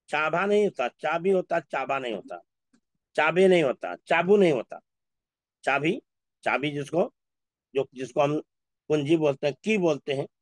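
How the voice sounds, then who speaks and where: A man teaching an Urdu class, going through word lists slowly and repeating each word. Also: a little high, no echo, clean studio sound. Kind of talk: classroom lesson.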